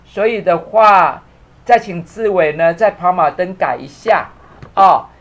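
A man's voice: high-pitched, unhurried, a bit bright. Chatty male teacher spelling out English words. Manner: spells words letter by letter, repeats phrases, many fillers; thanks viewers and asks the crew to fix captions. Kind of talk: live-streamed English lesson.

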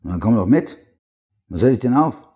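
A man's voice: medium pitch, lively intonation, moderate pace, darkish tone, natural voice. A man voicing a stubborn, irritable husband who speaks harshly and insistently to his wife. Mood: brusque.

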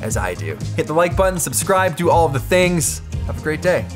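A man's voice: on the high side, big pitch swings, a little fast, music in the background. A man hosting a casual photography vlog, enthusiastic and jokey, often breaking into laughter. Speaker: photographer and video host. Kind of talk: casual vlog talk to camera.

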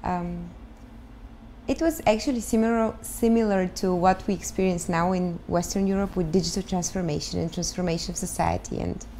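A woman's voice: lowish voice, fairly quick, dark tone, slight background noise. Bulgarian-accented woman in her thirties. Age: 30s. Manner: thoughtful, searching for words, many fillers. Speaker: guest, start-up founder. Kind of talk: interview answers. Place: living room, on a sofa.

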